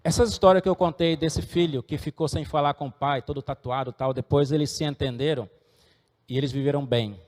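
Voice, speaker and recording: A man's voice: fairly high pitch, fairly even intonation, fairly quick, darkish tone, big-room sound. A middle-aged man, preaching a sermon and earnestly exhorting his congregation. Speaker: pastor.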